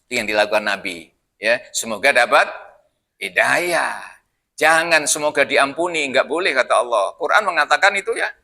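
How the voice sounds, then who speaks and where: A man's voice: mid-range voice, lively intonation, normal speed, bright, forceful tone. An older man giving a chatty mosque study sermon, joking and throwing questions at the congregation. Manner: chatty, jokey, keeps asking the audience questions. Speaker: preacher.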